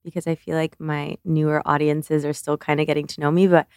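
A woman's voice: sits low, little pitch movement, a little fast, darkish tone, clean tone, no echo, clean studio sound. A woman in her twenties, born in Cuba, talking casually and earnestly as an interview guest, with lots of fillers and restarts. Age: 20s. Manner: chatty, earnest, frequent "like" and restarts. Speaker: guest, beauty creator.

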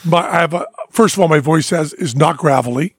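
Speaking briskly with a breathy edge, a middle-aged co-host from Western Massachusetts chats and tells stories on a podcast, his faded New England accent audible as he laughs a lot and leaves sentences unfinished. His voice sits a little high. It's a clean studio recording without echo.

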